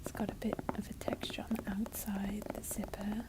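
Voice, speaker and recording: A woman whispering softly and breathily in a casual, rambling ASMR style, close to the mic while she taps on items with her fingers. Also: medium pitch, level tone, moderate pace. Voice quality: breathy, mostly unvoiced whisper. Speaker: ASMR video creator. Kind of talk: whispered, soft-spoken ASMR. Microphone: close ASMR microphone. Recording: close noisy mic with tapping and clicks. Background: finger tapping and clicking on objects.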